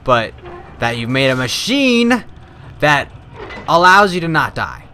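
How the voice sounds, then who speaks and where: A young man commenting casually on a horror game as he plays, rambling and shouting during fights. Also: a little high, slow, slight background noise. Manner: rambling, excitable, yells at fights. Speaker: gaming YouTuber. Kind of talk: let's play commentary.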